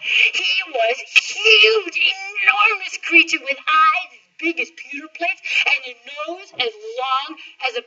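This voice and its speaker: A woman teacher telling a classic folktale to her class, lively and full of sound effects. Her voice is bright and sharp and sits high, heard through a dull lo-fi recording. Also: far from the mic.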